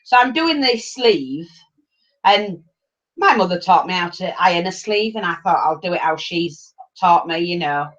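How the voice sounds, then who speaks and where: A middle-aged woman with an English accent chatting casually and telling anecdotes in a blunt, animated way on a livestream. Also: lowish voice, normal speed. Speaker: livestream host. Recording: dull lo-fi livestream audio.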